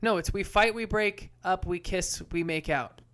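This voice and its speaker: Animated man bantering on a podcast. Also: sits high, normal speed. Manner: animated, swears, exasperated. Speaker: podcast co-host.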